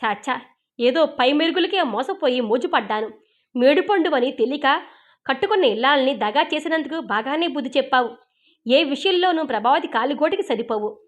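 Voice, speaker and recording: A woman's voice: sits high, animated, normal speed. A woman voicing a remorseful middle-aged husband who complains in an aggrieved, self-pitying tone. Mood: bitter.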